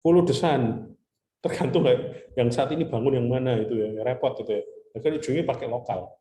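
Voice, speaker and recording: A man's voice: medium pitch, brisk, warm tone. Chatty male lecturer, echoey room. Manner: chatty, mixes in English terms, tells anecdotes. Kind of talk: casual classroom lecture.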